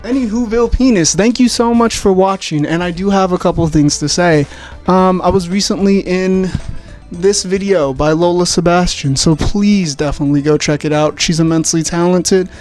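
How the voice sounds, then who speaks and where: A man's voice: high-pitched, moderate pace, darkish tone, faint music behind. A man hosting his video essay, who rambles casually, swears freely and pokes fun at himself. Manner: rambling, swearing, self-mocking.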